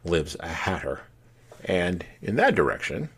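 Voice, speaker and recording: A man voicing a grinning, mad talking cat in a storybook, with deliberate, matter-of-fact riddling. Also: low-pitched, sing-song, a bit bright, husky, full character voice. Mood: coolly helpful.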